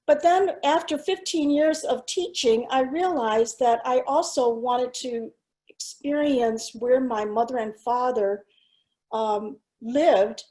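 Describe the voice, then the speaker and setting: A middle-aged school superintendent whose first language is Cantonese gives a keynote, moving through her slides at a measured pace. Her voice sits a little high with a warm tone, and she speaks earnestly with small pauses and fillers. The recording is low quality.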